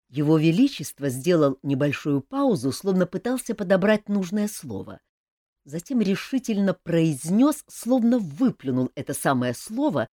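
Woman narrating with a lively, low voice. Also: no echo, studio quality. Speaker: audiobook narrator. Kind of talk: scripted narration.

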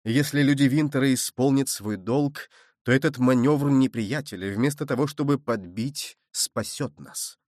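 A calm, steadfast French nobleman, measured and composed, as a man reads him. His voice is of middling pitch. The recording is close and dry. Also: dry recording, close to an everyday voice.

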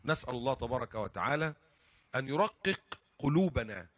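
Lively, raspy older Egyptian preacher. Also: male voice, medium pitch, fairly quick. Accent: Upper Egyptian Arabic. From Upper Egypt. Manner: lively storytelling, jokes and laughs. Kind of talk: sermon with humorous anecdotes.

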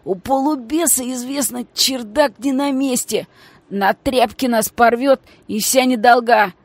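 A woman's voice: on the high side, unhurried, dry recording, pitched above the performer's own voice. A woman voicing an injured male thug who whines and complains in slang, in an audiobook. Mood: whining. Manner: whining, complaining.

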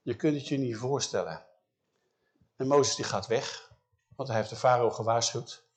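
A man telling a Bible story for children in a lively way, talking directly to his listeners. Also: medium pitch, moderate pace. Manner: lively, talks straight to listeners.

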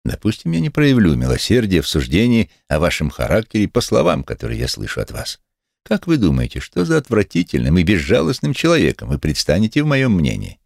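A man's voice: low-pitched, wildly swooping pitch, fairly quick, gravelly, a little mellow, no room sound, clean studio sound, pitched above the performer's own voice, heavily acted. A man voicing a stately male Methodist preacher who speaks in an indignant, preachy way. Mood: restrained.

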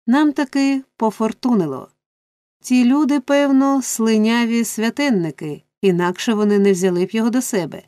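A coarse, violent robber barks threats and schemes aloud, voiced by a woman reader. The delivery is rough but the tone stays mellow. It is a storybook reading. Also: a little high, normal speed, no echo, pitched above the performer's own voice, natural voice. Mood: scheming. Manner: gruff, threatening. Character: brutal adult male robber, rough and threatening.

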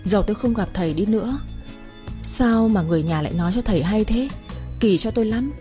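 A woman voicing a remorseful young mother who speaks softly and pleadingly, full of shame. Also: medium pitch, a little fast, soft background music, natural voice. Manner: soft, pleading.

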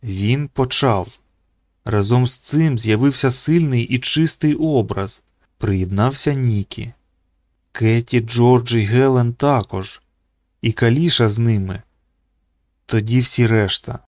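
A man narrating an audiobook in an expressive reading voice. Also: takes it slowly, dry recording. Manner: reads expressively, pitching up for the children's quoted lines.

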